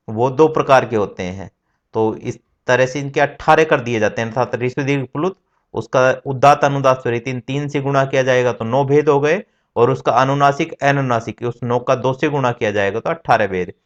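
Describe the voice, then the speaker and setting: A man teaching Sanskrit grammar in an explanatory lecture, counting off terms one by one in a methodical way. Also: medium pitch. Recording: dull lo-fi recording.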